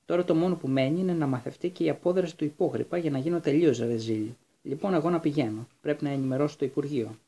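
A man's voice: fairly high pitch, few pauses, warm tone. A man voicing a harried, blustering middle-aged government minister in a raised, exasperated voice while reading a storybook. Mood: grumbling.

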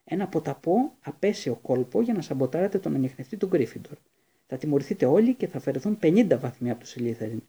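Stern old schoolteacher lady, done by a man reading a storybook, scolding hard, gravelly dark voice. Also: fairly high pitch, very animated, exaggerated voice. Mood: angry scolding. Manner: scolding, severe. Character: stern older female teacher, furious.

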